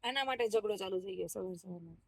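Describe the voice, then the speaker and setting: A woman's voice: mid-range voice, quick pace, vocal fry, darkish tone, slightly rough, no room sound. A woman, a mother hosting a casual family vlog, chatty and coaxing her children with questions.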